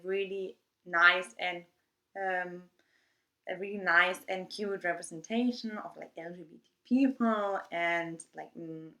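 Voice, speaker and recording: Young German woman vlogger, slightly low voice, rambling friendly chatter with fillers. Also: pushed and bright. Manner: reads prepared answers from her phone. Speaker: YouTuber. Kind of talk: casual get-to-know-me vlog.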